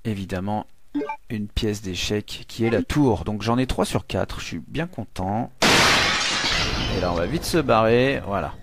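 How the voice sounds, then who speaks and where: Excitable man streaming a game. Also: on the low side, measured pace. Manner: excitable, swears and laughs often. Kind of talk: live gameplay commentary. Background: game music.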